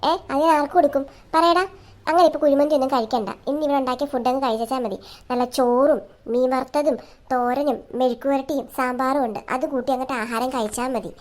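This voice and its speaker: A high, quick, scolding mother, played by a child. She nags her family in long, complaining tirades. The bits are short, like a comic family sketch. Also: fairly even intonation, close to an everyday voice. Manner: sharp, nagging, complaining tirades. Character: irritable middle-aged mother, always scolding. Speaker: comedy sketch actor. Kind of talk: family comedy skit.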